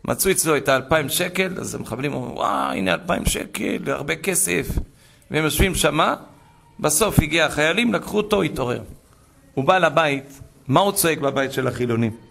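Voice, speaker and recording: A man preaching a sermon through stories, talking emphatically and building to impassioned shouts. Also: on the high side, expressive, creaky. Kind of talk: sermon storytelling.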